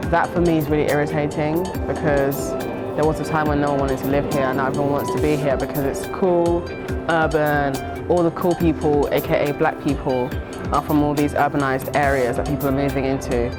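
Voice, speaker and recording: A woman's voice: deep voice, flat delivery, brisk. A young adult woman with a south London accent, speaking reflectively in a documentary interview. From Peckham, south London. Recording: music behind the voice. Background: music.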